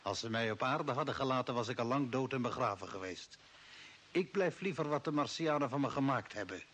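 In an older Dutch radio play, a man acts a cold, authoritarian old Earthman who serves the Martians, sounding commanding, scornful, and firm. His medium-pitched voice is expressive, fairly quick, and fairly bright, lightly acted, on a hissy, noisy old recording.

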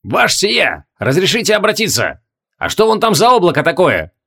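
A man's voice: high-pitched, huge pitch swings, normal speed, sharp tone, slightly rough, voice pushed up, exaggerated voice. A man voicing a big, eager, simple-minded young soldier who barks his answers in rustic speech, in an audiobook. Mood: eager barking.

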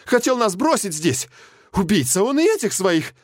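A man voicing a jumpy, anxious male biologist in a high, excitable voice. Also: moderate pace, no echo, clean studio sound. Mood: shouting, frantic.

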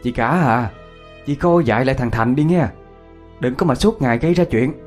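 A man voicing a sharp-tongued wife of a rich household who scolds and sneers. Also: mid-range voice, normal speed, faint music behind, pitched above the performer's own voice, natural voice. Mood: sneering.

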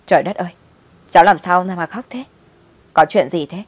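A woman voicing a kindly older neighbor woman who calls out loudly and fusses with worry. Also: low voice, steady tone, fast talker, dry recording. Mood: worried. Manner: loud, worried calling.

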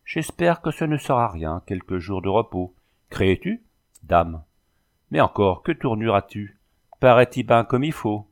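A man's voice: lowish voice, big pitch swings, measured pace. A man voicing a talkative, curious old widow in a storybook, folksy and pious in manner. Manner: loquacious, folksy.

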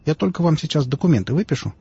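A man reading an audiobook voices a middle-aged doctor who speaks calmly and matter-of-factly. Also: on the high side, racing, slightly rough, pitched above the performer's own voice, heavily acted. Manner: calm, matter-of-fact. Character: calm, unflappable middle-aged male doctor. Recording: dull lo-fi audiobook, faint music.

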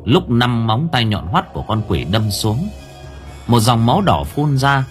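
A man narrating a ghost story audiobook in an expressive, dramatic way. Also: mid-range voice, measured pace. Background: soft background music.

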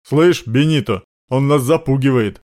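A man's voice: medium pitch, unhurried, a little mellow, lightly acted. A man voicing a crude, mocking male gangster guard.

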